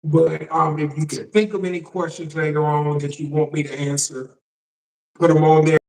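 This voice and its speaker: Male shock jock livestream host, slightly high voice, halting casual commentary with repeated words, recorded at a distance from the mic. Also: little pitch movement, creaky, a little mellow. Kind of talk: live political commentary, casual address to viewers. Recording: roomy echo, distant microphone.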